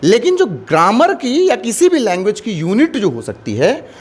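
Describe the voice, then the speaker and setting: A man's voice: sits high, wildly swooping pitch, moderate pace, husky. A man teaching an English lesson, switching between Hindi and Indian-accented English and repeating points for students. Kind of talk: classroom lecture.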